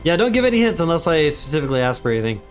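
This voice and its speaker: Rapid-fire and high, with big pitch swings, this gamer's voice comes over soft background music as he livestreams. Congested a little from a cold, the dad of young kids chats casually and upbeat, greeting chat often.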